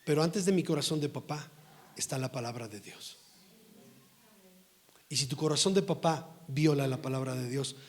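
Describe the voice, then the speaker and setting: A middle-aged man preaching a sermon as pastor, emphatic and scolding, rising to forceful outbursts. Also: mid-range voice.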